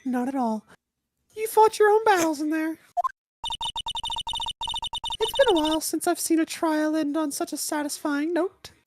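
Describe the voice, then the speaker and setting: A man in falsetto voicing a calm female boss lawyer who mentors her junior, in a parody fan dub. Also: moderate pace, long pauses, noisy background. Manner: falsetto that drops to a deep voice.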